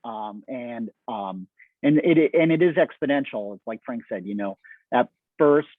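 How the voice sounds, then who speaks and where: A man's voice: medium pitch, lively intonation, unhurried, dry recording. A man hosting a casual video call discussion on marketing, talking loosely with many ums and restarts. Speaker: marketing host. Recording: tinny, breaking-up call audio.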